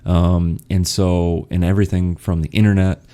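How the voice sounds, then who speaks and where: A man's voice: low voice, level tone, moderate pace, warm tone. A young man hosting a podcast, talking casually and laughing often, with many fillers. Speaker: podcast host. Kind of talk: casual conversational interview.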